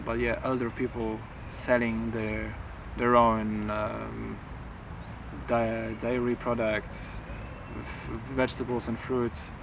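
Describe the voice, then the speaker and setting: A man from southern Poland with a Polish accent, a photographer talking haltingly in an interview, often restarting words. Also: mid-range voice. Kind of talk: interview talk. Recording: distant mic with clear background noise.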